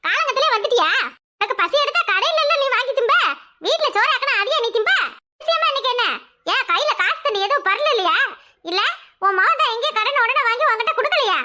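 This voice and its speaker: A woman voicing a sharp-tongued, quarrelsome village housewife in a cartoon, with a Kanyakumari Tamil accent and a rapid, scolding manner. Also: very high voice, lively intonation, heavily acted. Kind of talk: cartoon voice acting.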